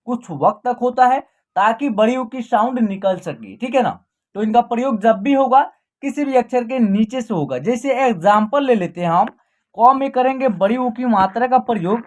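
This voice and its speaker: A woman runs an online reading lesson in a slightly high voice. She speaks patiently, checks in with the learner again and again, and stretches each long vowel slowly when she demonstrates it. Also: a little mellow. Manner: patient, repeats "ठीक है ना", draws out sounds when pronouncing. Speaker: Hindi reading teacher.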